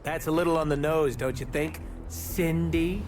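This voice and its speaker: An actor playing an irreverent, flippant antihero in a video game, mocking and sarcastic in a jokey way. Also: male voice, a little high, steady tone, moderate pace, over music, natural voice. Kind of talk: comedic video game acting.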